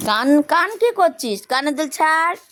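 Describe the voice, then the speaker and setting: High-voiced woman coaxing pet birds. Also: animated, normal speed, fairly bright tone. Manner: sing-song repeated coaxing calls. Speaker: person calling and tending pet birds. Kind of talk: casual coaxing talk to birds.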